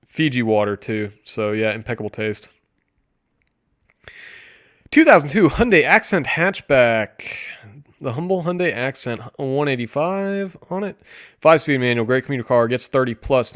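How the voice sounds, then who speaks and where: A man giving sarcastic commentary, deadpan with mock-enthusiastic outbursts. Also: medium pitch, moderate pace. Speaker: streamer reviewing car listings.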